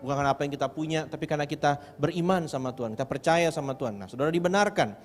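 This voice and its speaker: Pastor with a lilt preaching. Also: male voice, on the high side, racing, soft background music. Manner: animated, acts out quoted voices; mixes English words into his talk. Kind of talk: sermon. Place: church hall. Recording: church hall with long reverb.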